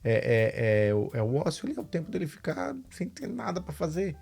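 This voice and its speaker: A man's voice: on the high side, sing-song, brisk, gravelly, a little mellow, husky, soft background music. A man with a Brazilian Portuguese accent, a podcast co-host and father, talking in casual reflective chat, hesitant and repeating words.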